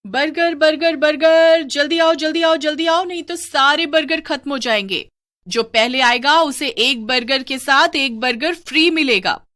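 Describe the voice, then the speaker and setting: A woman voicing a fat, spiteful female witch in a cartoon who sells burgers, calling out loudly and gloating with a cackle. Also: high-pitched, a little slow, pitched above the performer's own voice. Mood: hawking. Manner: loud hawker's calls, cackling, spiteful gloating. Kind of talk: cartoon voice acting.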